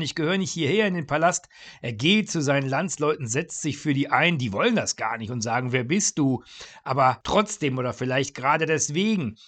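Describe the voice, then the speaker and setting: Man retelling Bible stories conversationally. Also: on the high side. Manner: lively, conversational storytelling. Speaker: podcast host.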